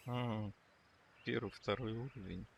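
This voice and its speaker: A man's voice: fairly low pitch, steady tone, a little slow, gravelly, slight background noise. A man giving casual, muttered commentary while he plays a video game. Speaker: gamer.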